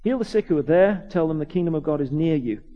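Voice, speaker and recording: A man, a vicar, preaching by telling a lively personal story, acting out the voices of the people in it and often restarting his words. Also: on the high side, muffled recording. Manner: animated, acts out voices, quick restarts. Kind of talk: storytelling sermon.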